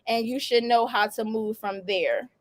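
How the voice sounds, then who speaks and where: A woman's voice: fairly high pitch, moderate pace, no room sound. A woman hosting a casual talk show, slangy and loose, laughing often. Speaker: podcast host. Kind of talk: casual chat.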